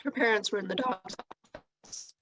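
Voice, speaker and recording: A woman reading a children's novel aloud, with steady, expressive storytelling. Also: medium pitch, fairly quick, slight background noise, poor audio. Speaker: reader.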